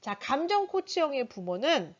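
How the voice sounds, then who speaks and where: A middle-aged woman delivers a parenting lecture in a fairly high voice that leaps all over the place. She is animated, acts out little dialogues and throws rhetorical questions at her listeners. The recording sounds dull and lo-fi. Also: moderate pace. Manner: asks the audience rhetorical questions.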